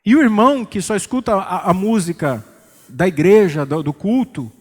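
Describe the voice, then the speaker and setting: A man with a Brazilian Portuguese accent preaching an expository sermon as pastor, calm and joking, acting out church members. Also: high voice, normal speed, in a large hall. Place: church sanctuary.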